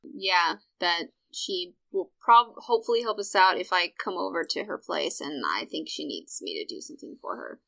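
A woman talks casually as a game player. Her voice is bright with noticeable creak, and her pitch moves in a lively way. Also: moderate pace, poor audio. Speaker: player on a tabletop game podcast. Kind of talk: casual group role-play chat.

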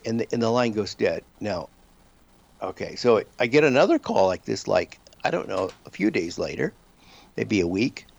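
A man's voice: lowish voice, very animated, moderate pace, gravelly. A man from the United States, a guest author telling a personal story in a radio interview, rambling and restarting his sentences often. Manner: rambling, with frequent restarts and repeated words. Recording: dull lo-fi sound.

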